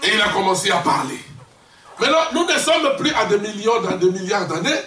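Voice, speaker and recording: A man from Congo preaching an impassioned sermon in French, shouting and calling out questions to the congregation. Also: high voice, very animated, a little fast. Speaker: visiting preacher. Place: church hall. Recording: echoey church hall, distant mic, congregation responding. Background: congregation responses.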